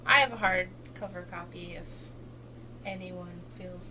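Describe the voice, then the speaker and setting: A woman from Boston with a Boston accent, co-hosting a casual chat, playful and quick to laugh, dropping into soft asides. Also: lowish voice, steady tone, low-quality recording. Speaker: co-host of a book channel.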